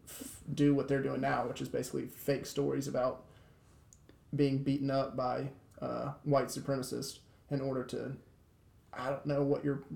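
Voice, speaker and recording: A man's voice: medium pitch, gravelly, mellow, echoey room. A man co-hosting a podcast in casual chat, rambling with many restarts and fillers. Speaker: podcast co-host.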